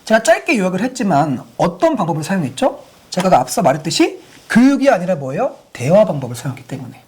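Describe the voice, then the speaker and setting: A woman's voice: lowish voice, sing-song, quick pace, darkish tone, slightly rough. A woman giving a sex education lecture to parents, using many rhetorical questions to the audience.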